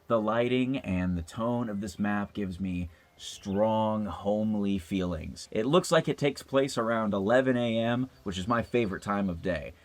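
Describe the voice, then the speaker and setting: A man's voice: fairly low pitch, normal speed, few pauses, a little mellow. Laid-back young man giving chuckling commentary. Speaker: YouTuber host. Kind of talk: casual video game commentary.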